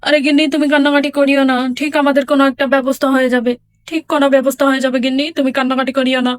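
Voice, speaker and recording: A woman voicing a tired, reassuring poor village father, speaking calmly in a doll story drama. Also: high voice, rapid-fire, dry recording, natural voice. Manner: calm, comforting.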